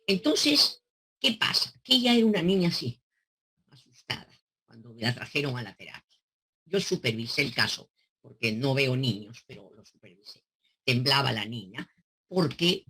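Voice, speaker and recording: A woman's voice: rumbling low, bright, forceful tone, slightly rough. A woman psychoanalyst explaining to a caller, teaching through examples and rhetorical questions. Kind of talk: explaining to a caller on a talk show.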